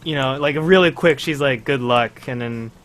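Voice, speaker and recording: A man's voice: fairly high pitch, normal speed. A man co-hosting a casual podcast, rambling through stories and acting out quotes as he goes. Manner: rambling, animated retelling with acted-out quotes. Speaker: podcast co-host. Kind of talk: casual chat.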